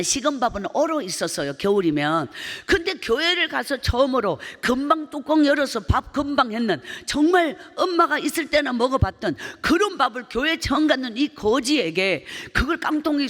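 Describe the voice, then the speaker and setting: A woman's voice: a little high, fairly bright tone. A woman evangelist giving an emotional testimony sermon, telling her story vividly and acting out the voices in it. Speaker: evangelist preacher. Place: church sanctuary. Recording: long church hall reverb.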